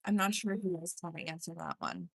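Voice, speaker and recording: A woman's voice: lowish voice, wildly swooping pitch, fairly quick, creaky, no room sound. A woman hosting a casual live stream spirit session, chatting to spirits and viewers by name and relaying replies aloud.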